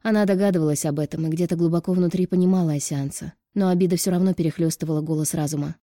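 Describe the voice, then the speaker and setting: Woman narrator for an audiobook, lowish and mellow, steady, read in a dry close-miked sound. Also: rapid-fire, no echo.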